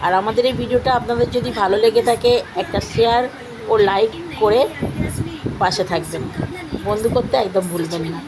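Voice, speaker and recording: A woman's voice: mid-range voice, brisk. A middle-aged woman narrates a casual family vlog, speaking simply and repetitively, straight to her viewers. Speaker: family vlogger. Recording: loud crowd and outdoor ride noise. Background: busy outdoor amusement park crowd and machinery noise.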